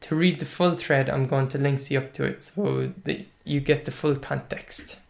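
A man's voice: medium pitch, fairly even intonation, normal speed, vocal fry. An Irish man in his thirties whose first language is Irish, chatting in English as a language teacher, good-humoured and reading out comments with his own asides. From Ireland. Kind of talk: casual talk to camera.

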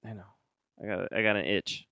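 A man's voice: fairly low pitch, fairly even intonation, brisk, creaky, bright, forceful tone, clear, resonant tone, no room sound. A young man co-hosting a casual podcast, laid-back, laughing often and swearing casually. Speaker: podcast co-host. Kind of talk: casual chat.

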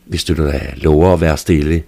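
A man doing a hushed young shop clerk. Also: rumbling low, fairly even intonation, pitched below the performer's own voice. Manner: hushed whisper. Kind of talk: read-aloud story.

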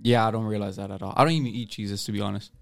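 A man's voice: lowish voice, fairly even intonation, rapid-fire, gravelly, no echo. A teenage boy with an American accent hosting a student podcast, rambling casually with many fillers and restarts. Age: teens. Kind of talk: casual chat.

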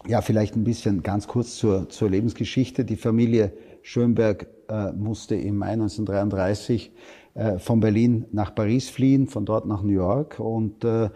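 A man's voice: fairly low pitch, fairly even intonation, normal speed, dark tone. A man hosting a talk show, introducing his guest and asking questions with frequent filler sounds. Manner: hesitant, many filler sounds. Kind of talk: interview host introduction.

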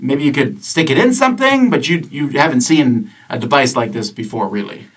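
A man's voice: medium pitch, expressive, fairly quick, slight background noise. A man narrating a tabletop game as game master, in a casual, rambling way with restarts. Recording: distant mic in a room.

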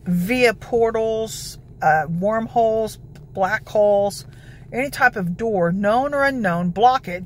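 A woman with a gravelly voice giving informal, emphatic devotional exhortation as a prayer preacher. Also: fairly high pitch, a little hiss or hum. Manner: emphatic, declarative, peppered with scripture citations.

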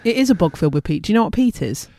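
A woman's voice: medium pitch, sing-song, mellow, no room sound. A woman giving a casual spoken lesson to her husband, rattling off lists with "um"s and quizzing him as she goes. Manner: brisk, listing points with many "um"s and quizzing questions. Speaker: teacher explaining to her husband. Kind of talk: casual revision podcast lesson.

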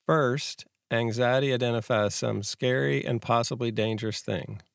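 A man giving a reflective guided mindfulness talk in a measured, unhurried way, with pauses between short phrases. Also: medium pitch, steady tone, gravelly, dry recording, clean studio sound. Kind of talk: slow guided meditation, reflective talk on anxiety.

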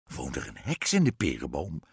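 A man's voice: rumbling low, huge pitch swings, moderate pace, gravelly, breathy edge, no echo, clean studio sound, pitched below the performer's own voice, exaggerated voice. A man doing a fussy disapproving king. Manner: stiff, fussy. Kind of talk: audiobook storytelling.

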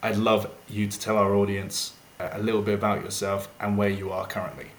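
A man's voice: fairly low pitch, little pitch movement, brisk. A man hosting a casual podcast interview. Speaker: podcast host. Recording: echoey room, faint noise.

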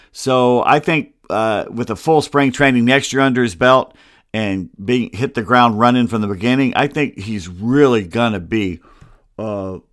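An American man with a medium-pitched, slightly bright voice hosts a solo sports podcast, grumbling wryly in a casual tone and wandering into rambling asides. He's recorded on a close computer microphone with clean, echo-free studio sound.

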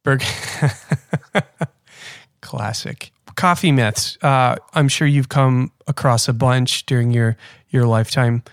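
A man's voice: mid-range voice, steady tone, takes it slowly, clear, resonant tone, no echo, studio quality. A man hosting a coffee podcast, reading a scripted intro and then chatting casually with a guest. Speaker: podcast host.

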